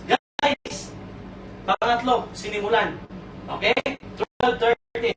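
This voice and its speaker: Animated man joking with an audience. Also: extremely high pitch, slow, music in the background. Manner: animated storyteller, teasing, asks the crowd questions; mixes in English phrases. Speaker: motivational speaker at a sales orientation. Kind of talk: comic motivational talk to an audience. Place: seminar room with audience. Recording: echoey room, far from mic, noisy.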